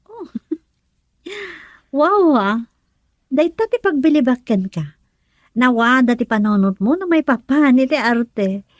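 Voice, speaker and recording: A woman voices a young rural woman in love for an Ilocano radio drama, tender and teasing in her expressive delivery, with an Ilocano accent. She speaks slowly in a high voice, pausing often, in a recording with no echo.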